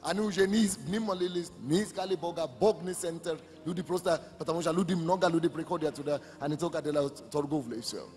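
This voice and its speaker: A male pastor delivers a sermon full of impassioned, emphatic declarations. His voice is a little high and darkish, fast, with hardly any pauses. Music plays, and the church hall gives a long reverb.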